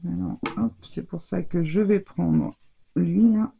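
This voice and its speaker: A woman's voice: lowish voice, slow, creaky, mellow, lo-fi sound. A woman giving a casual scrapbooking tutorial at home, chatty and hesitant, with many fillers and stumbles over English product names. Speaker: scrapbooking crafter demonstrating.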